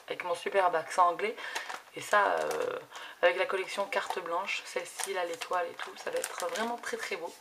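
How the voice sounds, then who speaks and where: Woman in her thirties, casual unboxing chat, enthusiastic, many fillers, steady background noise. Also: mid-range voice. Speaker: craft YouTuber. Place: home craft desk. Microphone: camera set low on desk.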